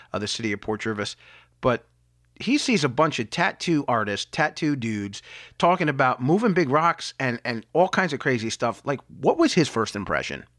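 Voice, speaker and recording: A man hosting a casual interview podcast, speaking in an even, measured presenter style. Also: mid-range voice, no echo, clean studio sound. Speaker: podcast host.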